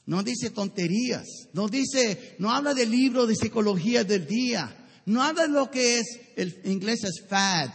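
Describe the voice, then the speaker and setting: A man preaching a sermon as pastor, talking to his congregation in a lively, joking, direct way. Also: high-pitched, unhurried, slightly rough. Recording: echoey hall.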